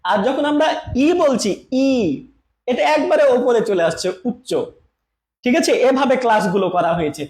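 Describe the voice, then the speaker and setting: A man teaching an online grammar lesson, who repeats sounds slowly and keeps asking the viewer questions. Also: very high voice, animated, darkish tone. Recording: echoey room.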